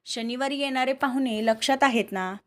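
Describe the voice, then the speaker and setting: A woman voicing a hospitable middle-aged mother in a family audio story, speaking gently and welcomingly. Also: sits high, normal speed.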